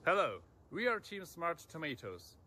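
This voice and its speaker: A young man from Germany introduces his team in a scripted video. His voice is bright and a little husky, and he reads it in an even way. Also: fairly high pitch, normal speed. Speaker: team member.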